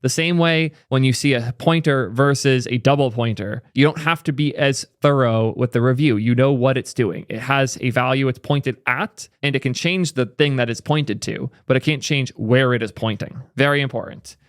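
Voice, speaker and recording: A young man giving casual, opinionated commentary as a tech streamer, thinking aloud with quick asides. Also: medium pitch, no room sound, clean studio sound. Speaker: tech streamer reacting to clips.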